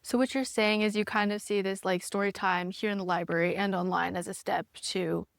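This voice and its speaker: A woman's voice: medium pitch, fairly even intonation, fairly quick, creaky, dry recording, clean studio sound. A young woman hosting a student podcast, asking interview questions casually with many "like"s. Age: young adult.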